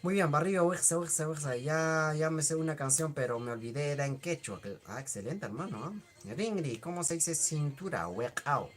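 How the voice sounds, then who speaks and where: A man teaching Quechua words in a casual live online class, repeating each word slowly and answering questions from the chat. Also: on the high side, expressive, soft background music.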